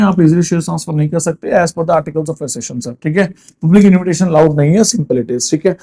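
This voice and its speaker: High, mellow-voiced male law teacher. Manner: mixes Hindi and English, asks and answers his own questions. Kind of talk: classroom lecture.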